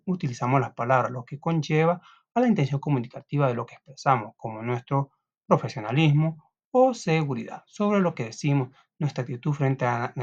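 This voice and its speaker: A man with a Salvadoran Spanish accent who teaches a class, reading from a text aloud and often checking in with his students. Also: fairly high pitch. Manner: reads aloud, with frequent tag questions and restarts. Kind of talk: recorded classroom lesson. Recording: dull lo-fi recording.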